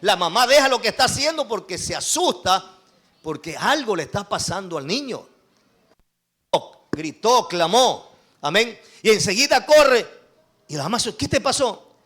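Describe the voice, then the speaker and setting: A man preaching an evangelical sermon to his congregation in Ecuadorian Spanish, swinging between loud calls and quiet asides. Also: sits high, very animated, normal speed. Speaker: apostle preaching to his church.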